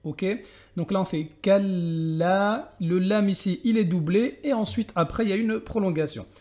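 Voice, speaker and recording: A man teaching tajwid, explaining step by step and asking and answering his own questions, with slow recitation of verses. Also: sits high, a little mellow.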